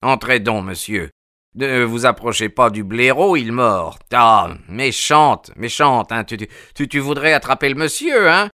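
A man voicing a gruff old animal keeper who shouts threats, then turns friendly. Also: medium pitch, animated, unhurried, no room sound, clean studio sound, voice pushed up.

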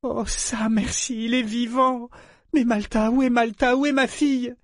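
A man voicing a frantic, grieving middle-aged mother who wails in a high voice. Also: fairly even intonation, a little slow, no echo, studio quality. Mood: frantic relief. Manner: high, wailing, shouting.

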